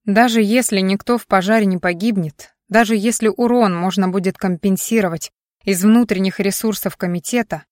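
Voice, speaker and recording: A woman reading a science fiction novel as scripted audiobook narration, measured and even, dropping low and quiet at the ends of sentences. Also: no room sound, studio quality.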